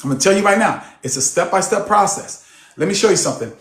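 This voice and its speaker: A man coaching a group on a video call, preaching emphatically and swinging between loud and soft. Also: high voice, animated, fast. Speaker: personal development coach. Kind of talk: motivational group coaching session. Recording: roomy echo on a call.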